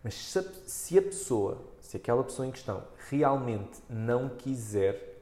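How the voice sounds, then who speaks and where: A man's voice: mid-range voice, moderate pace, dark tone. A man with a European Portuguese accent in casual podcast conversation, thinking aloud with hesitant restarts. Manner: hesitant, thinking aloud, acts out clients' remarks. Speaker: interviewer and body practitioner. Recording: echoey room.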